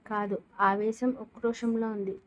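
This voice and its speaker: A woman voicing a calm middle-aged father who gently soothes his worried wife. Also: a little high, unhurried, low-quality recording. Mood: reassuring.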